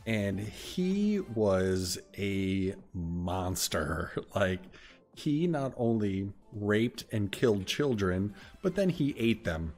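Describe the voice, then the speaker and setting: A man's voice: lowish voice, big pitch swings, extremely slow, a little mellow, faint music behind. A man co-hosting a podcast, chatting casually with dry jokes and frequent laughter. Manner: laughs often, dry jokey interjections. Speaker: podcast co-host.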